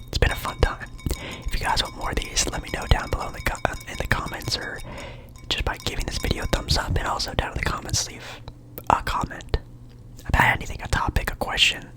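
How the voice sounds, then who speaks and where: A young man from Portland whispering a relaxed, rambling ASMR chat in his apartment. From Portland, Oregon, USA. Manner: soft rambling whisper, friendly and chatty. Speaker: ASMR creator.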